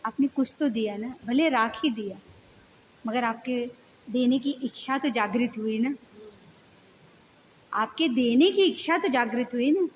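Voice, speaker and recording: A woman voicing a patient, humble male beggar monk who speaks softly and calmly while telling a story. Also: a little high, unhurried, pauses often, a little hiss or hum, natural voice, low-quality recording. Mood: gentle. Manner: soft, humble, calm.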